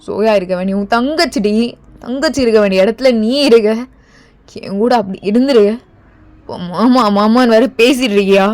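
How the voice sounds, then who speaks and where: A woman's voice: fairly high pitch, normal speed, a little mellow, faint music behind, natural voice. A woman voicing a ruthless young male king who threatens and scolds, in a fan audio drama. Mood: disgusted.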